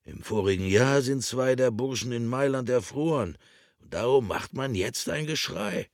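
A man voicing a gruff scarred man who leads a group of boys, talking low and curt. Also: moderate pace, no room sound, studio quality, close to an everyday voice. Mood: hushed. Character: gruff scarred man, leader of the child transport.

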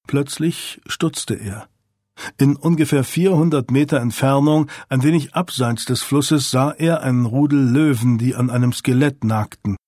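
A man reading an audiobook thriller in a measured, calm narration. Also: mid-range voice, dry recording, clean studio sound. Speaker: audiobook reader.

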